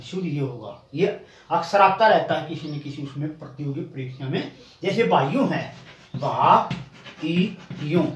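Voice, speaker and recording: A man with a high voice teaches spelling to a class. He breaks words into slow, drawn-out syllables and explains each rule step by step. He sits some way from the mic in an echoey room with faint noise behind. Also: recorded from a distance. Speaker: Hindi coaching teacher. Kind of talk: classroom spelling lesson at a board.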